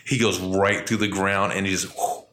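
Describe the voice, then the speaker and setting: A man in casual chat, excitable and profane, piling on vivid detail. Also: low voice, moderate pace.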